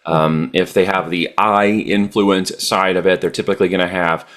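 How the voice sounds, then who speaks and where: A man's voice: deep voice, fairly even intonation, normal speed, a bit bright. A man guest on a podcast interview, explaining e-commerce strategy in a confident, emphatic way with frequent fillers.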